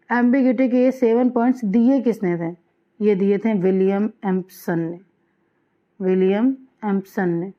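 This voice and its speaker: Slow-reading woman teacher, lo-fi. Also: on the high side. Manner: reads questions slowly, then explains quickly in Hindi-English mix; repeats key answers, checks with "ठीक है". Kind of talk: exam-prep lecture. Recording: dull lo-fi sound.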